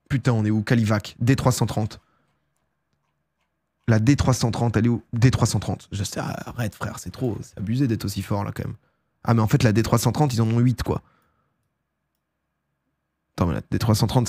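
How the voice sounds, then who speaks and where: A young man with a sore throat chatting casually and excitably on a live stream, jumping into loud, high bursts. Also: fairly quick, pauses often.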